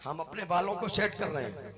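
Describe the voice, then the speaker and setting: A man on stage as a singer and comic host, joking playfully with the audience at a devotional night, over loud live music. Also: high voice, animated, normal speed. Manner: playful, teasing, addresses the crowd as devotees. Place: outdoor stage at a village event.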